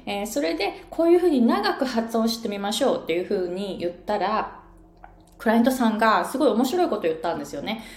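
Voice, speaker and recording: A woman's voice: on the high side, sing-song, fast. Bilingual woman coaching pronunciation, roomy echo. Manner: demonstrates sounds by exaggerating them.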